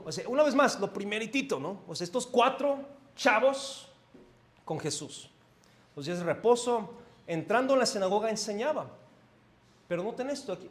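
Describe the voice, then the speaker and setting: High-voiced Mexico City pastor preaching. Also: male voice. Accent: Mexico City Spanish. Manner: animated, asks the congregation questions, swings between loud and soft. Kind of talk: conversational sermon. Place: church sanctuary.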